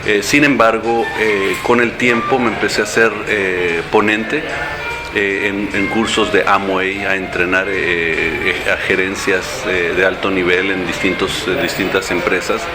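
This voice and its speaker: An older man running for mayor answers interview questions in a café, hesitating with many fillers and restarts. Born in San Antonio, Texas, and raised in Mexico and Central America, he has a deep, steady, unhurried voice. A handheld recorder held close picks him up, with loud music behind.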